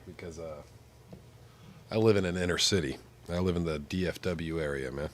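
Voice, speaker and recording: A man's voice: low voice, moderate pace, a little hiss or hum. A man sick with flu, congested and nasal as if his nose were pinched, chatting casually and rambling on a gaming livestream. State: sick with flu, stuffed-up sinuses. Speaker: game streamer.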